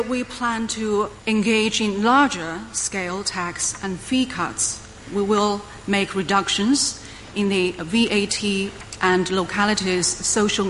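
A woman delivers a live interpreter voice, carrying someone else's speech into English in a measured, even way. She pauses now and then with small fillers as she keeps up. A faint hiss of noise sits under her voice. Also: medium pitch, low-quality recording.

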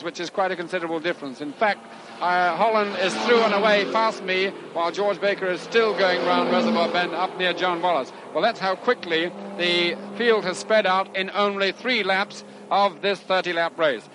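A man at the grandstand giving brisk, informative live race commentary and handing over to colleagues, heard on an old 1960s archive recording. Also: sits high. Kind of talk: live motor-racing commentary. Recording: noisy vintage outdoor broadcast recording.

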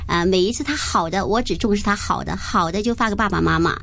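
A woman's voice: medium pitch, fast, vocal fry, fairly bright tone, no room sound. A woman teacher explaining things conversationally, in an earnest and encouraging manner. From mainland China. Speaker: Mandarin teacher, guest.

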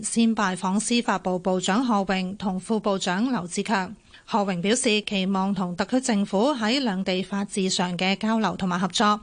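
A woman with a Hong Kong Cantonese accent reading a scripted report as a radio news reporter. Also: mid-range voice.

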